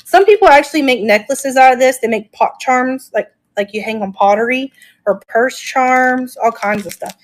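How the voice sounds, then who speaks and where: A woman's voice: high-pitched, normal speed. A woman hosting a casual live-stream auction, chatting enthusiastically and thinking aloud as she shows each item.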